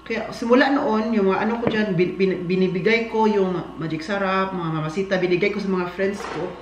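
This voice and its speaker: A woman's voice: medium pitch, steady tone, fairly quick, highs cut off. A woman from the Philippines, rambling chattily as she cooks and talks to her viewers. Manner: rambling, chatty, laughs often. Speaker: vlogger. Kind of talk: casual cooking chat. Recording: echoey room with loud background noise.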